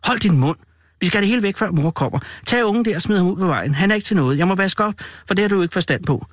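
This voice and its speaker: A man's voice: sits high, expressive, dry recording, studio quality, voice pushed up. A man voicing a bossy, scornful big brother, a boy who orders his sibling about. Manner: bossy, contemptuous.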